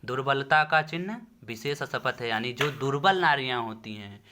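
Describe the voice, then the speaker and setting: A man with a medium-pitched, clear and bright voice teaches a poem line by line. He repeats each phrase of verse, then asks the class what it means and answers the question himself. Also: lively intonation, normal speed, a little hiss or hum. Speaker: Hindi teacher.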